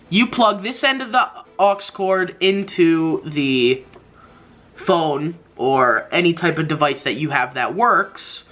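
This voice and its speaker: This is the high-pitched, sharp-toned voice of a young man hosting a tech tutorial. Recorded in a small indoor room, he goes step by step in a loose, slangy manner, rambling as he goes.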